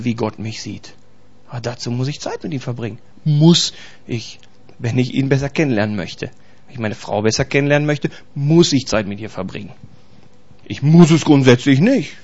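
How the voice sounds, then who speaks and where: A man's voice: medium pitch, dull audio. A man preaching a casual, slangy sermon, acting out little scenes as he talks. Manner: animated, acts out little scenes and voices.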